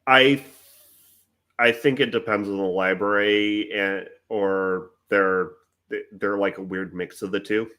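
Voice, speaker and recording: Easygoing lower-voiced man. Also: steady tone, takes it slowly, pushed and bright, smooth. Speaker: podcast co-host. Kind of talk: casual chat, reading articles aloud.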